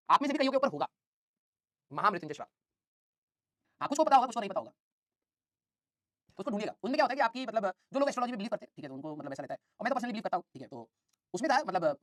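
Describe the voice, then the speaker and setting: A man's voice: high voice, very animated, racing, pauses often, fairly bright tone, no echo. Male teacher, rattling off a self-mocking comic story to students at top speed, dry and close. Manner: joking, self-mocking, chatty.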